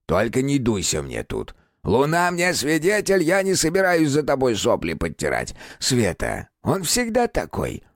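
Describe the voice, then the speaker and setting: A man voicing a small, furry, ancient house spirit in an audiobook, creaky and grumbling, teasing the boy he talks to. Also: mid-range voice, wildly swooping pitch, measured pace, hardly any pauses, dry recording, clean studio sound, pitched above the performer's own voice. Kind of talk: audiobook character voice.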